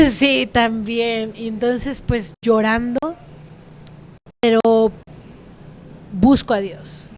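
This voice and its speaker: A woman's voice: a little high, very slow, long pauses, a little hiss or hum. A woman with a Mexican accent giving a frank, earnest church testimony in a conversational way. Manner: earnest, frank, laughs at herself.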